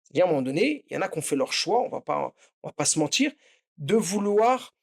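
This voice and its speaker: A man's voice: a little high, sing-song, quick pace, creaky, slightly rough. A middle-aged man from the Paris suburbs, a chef and podcast guest, speaking passionately and emphatically in a casual podcast conversation, hammering key words through repetition. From Paris suburbs, Seine-Saint-Denis.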